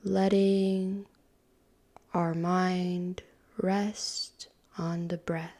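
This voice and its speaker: A woman's fairly low voice guides listeners through a meditation, soft and breathy and slipping into near-whispers. Her pace is calm and unhurried, with long pauses between phrases.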